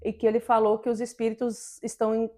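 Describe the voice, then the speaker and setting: A woman's voice: on the high side, completely flat delivery, quick pace, mellow. A woman co-hosting an opinion talk show, speaking emphatically and indignantly and firing off rhetorical questions. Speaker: podcast co-host.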